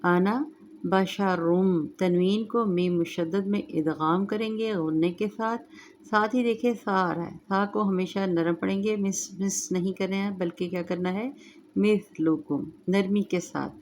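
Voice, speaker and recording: A woman teaching Quran recitation rules, chanting verses slowly and then explaining each rule calmly, with an Urdu accent. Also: medium pitch, a little hiss or hum. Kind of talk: tajweed lesson, slow recitation then explanation.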